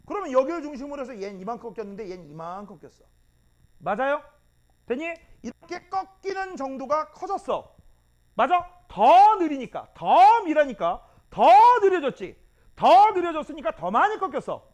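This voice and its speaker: A man's voice: extremely high pitch, fairly bright tone. A male physics teacher lecturing students in a blunt, teasing way and drilling terms by repeating them. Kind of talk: classroom lecture.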